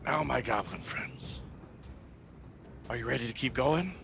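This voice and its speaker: A man voicing a winged warrior, a merciless captor in a tabletop game, who speaks with the calm menace of a psychopath. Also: mid-range voice, unhurried, creaky, a little hiss or hum. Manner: calm, menacing, like a serial killer.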